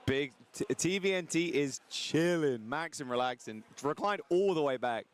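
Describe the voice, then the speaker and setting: A man's voice: fairly high pitch, animated, clean tone, dry recording. A man giving color commentary on an esports match in a casual, joking manner. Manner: casual, laid-back and quick with jokes. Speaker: esports co-caster.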